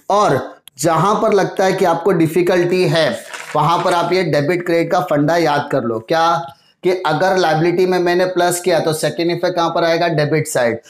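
Male teacher walking students through accounts, asks his own questions, echoey room. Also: fairly high pitch. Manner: mixes Hindi with English terms. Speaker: commerce teacher. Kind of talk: accounting lesson.

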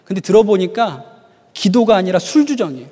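A man preaching in a high, animated voice that rises and falls freely. He tells stories and keeps asking his listeners questions. A long reverb trails his words. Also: brisk, breathy edge. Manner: storytelling, asks the audience rhetorical questions. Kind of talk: sermon.

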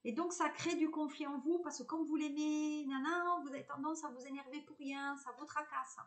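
Woman, southern French accent, high voice, medium on a live stream, chatty, reassuring, lots of hesitations. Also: fairly even intonation, normal speed. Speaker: medium giving a tarot reading. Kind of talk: live-streamed card reading, chatting with viewers.

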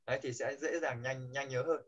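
A man with a Vietnamese accent teaching English pronunciation in a classroom, coaxing the students and modeling words loudly for them to repeat. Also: mid-range voice, fairly even intonation, brisk, lo-fi sound.

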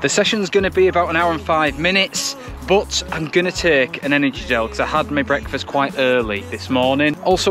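A man's voice: on the high side, fairly bright tone. A young British man vlogging to camera outdoors as he talks while running. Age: young adult. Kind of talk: vlog talking to camera. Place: outdoors on a rural roadside path.

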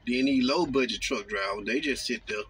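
Husky truck driver talking from his cab. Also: medium pitch, fairly bright tone. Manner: drawling, mocking commentary with slow emphatic phrases. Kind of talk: casual monologue. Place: parked in a truck cab at a rest area. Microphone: phone on the dashboard.

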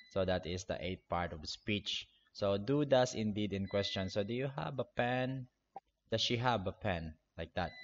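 A man in his twenties from the Philippines, an English teacher slowly walking an online class through a review, repeating each point. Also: deep voice. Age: 20s. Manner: slow, repetitive classroom explaining. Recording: dull lo-fi online class audio.

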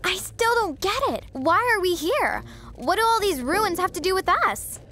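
A woman's voice: very high-pitched, big pitch swings, moderate pace, bright, forceful tone, a little hiss or hum, heavily acted. An actress playing an earnest, worried teenage troll girl in a cartoon. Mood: puzzled. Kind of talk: animated cartoon dialogue.

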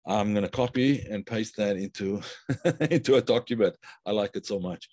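A man teaching a live online class, unhurried and thinking aloud with many fillers and restarts, stopping to praise viewers' comments. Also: on the low side, a little mellow, no room sound. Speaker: Kabbalah teacher.

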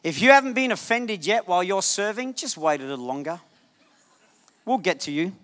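A male guest preacher giving a lively, jokey sermon to a congregation, punching points with sudden loud bursts. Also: high voice, a little fast. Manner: animated, jokey, shouts for emphasis. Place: church sanctuary. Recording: church hall reverb.

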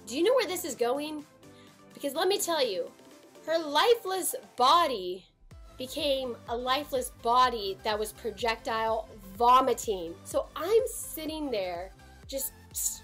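With a high, slightly bright voice, a twenty-something American woman shares a personal story to camera. This storytime vlogger is dramatic and emphatic, filming in a small room at home.

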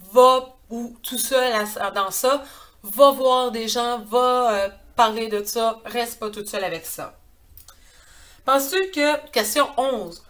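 A woman in her thirties speaks with a Quebec French accent, in a somewhat high voice. She talks earnestly and a little hesitantly to a webcam up close, filling pauses as she goes. The sound is a home recording from a small hallway. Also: fairly bright tone. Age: 30s. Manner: earnest, hesitant with many fillers. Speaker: vlogger. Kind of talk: casual chat to camera. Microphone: webcam at close range.

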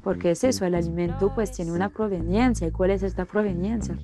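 A French woman in her thirties, a landscaper and environmental activist, speaking earnestly outdoors in a documentary interview, pausing often with fillers. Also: lowish voice, fairly even intonation, over music. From France. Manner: earnest, hesitant with many fillers. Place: outdoors in hilly countryside.

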